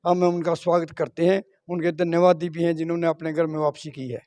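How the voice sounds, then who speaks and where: A man's voice: fairly high pitch, little pitch movement, a little fast, darkish tone, slight background noise. A man from Haryana, speaking as a party supporter in a street interview, emphatically stacking up points in repeated phrases. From Haryana, India.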